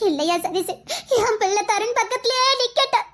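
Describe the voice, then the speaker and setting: A shrill, very high-pitched village aunt , put on by a comic actor, who wails fake tears and then mutters sly plots to herself. Her voice is bright and piercing, with a Tirunelveli Tamil accent. The register is comedy skit melodrama. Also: a little fast, full character voice. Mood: fake wailing. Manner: melodramatic wailing, sly asides. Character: scheming middle-aged aunt Kothambari, wailing fake tears.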